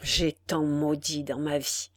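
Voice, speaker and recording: Old nobleman prisoner, grave and weary, storybook reading by a woman, slow, dry sound. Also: low voice, flat delivery, no echo, voice pushed down.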